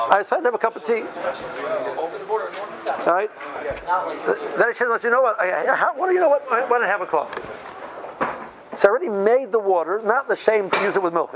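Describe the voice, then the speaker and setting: A man's voice: high voice, low-quality recording. A man giving an informal religious lesson, talking through everyday examples and checking in with short questions. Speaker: religious law teacher.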